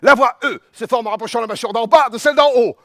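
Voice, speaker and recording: Guy playing a stuffy know-it-all tutor, spelling out vowels real loud and proper. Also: very high-pitched, fast talker, no echo, studio quality. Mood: pedantic. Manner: pedantic, declaiming, over-articulated vowels. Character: pompous male philosophy teacher.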